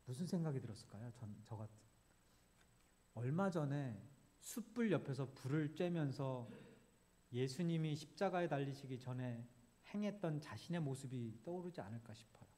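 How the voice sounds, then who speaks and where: A man's voice: mid-range voice, expressive, moderate pace, dark tone. A male pastor preaching a sermon in an earnest, vivid storytelling manner.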